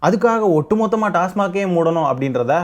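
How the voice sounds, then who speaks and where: A man's voice: high voice, lively intonation, a little fast. A man hosting his own channel, giving opinionated political commentary full of rhetorical questions and mockery. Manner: mocking, argumentative, rhetorical questions.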